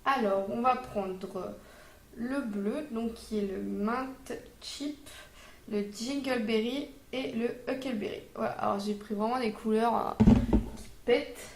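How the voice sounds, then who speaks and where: A woman talks through a makeup review in a relaxed, informal way, leaning on fillers and slang. Her voice sits a little high. The room around her gives it a noticeable echo. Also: measured pace. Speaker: beauty vlogger.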